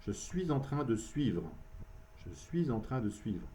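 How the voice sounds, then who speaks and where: Man teaching Spanish, lively patient explainer. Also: medium pitch. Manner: explains in French, models Spanish slowly, checks with "ok?". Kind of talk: beginner grammar lesson.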